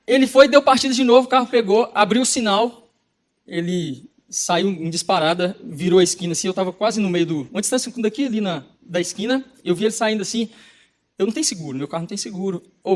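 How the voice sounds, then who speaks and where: A man with a Brazilian Portuguese accent preaching a sermon, telling a personal story in an animated way and acting out the dialogue. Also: high-pitched. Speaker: pastor.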